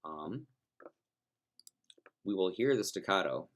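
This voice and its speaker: A man teaching music students how to use a notation program, explaining each step in a relaxed, folksy way. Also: low-pitched, slow. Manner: relaxed, folksy, talks through clicks step by step. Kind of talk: screen-recorded software tutorial.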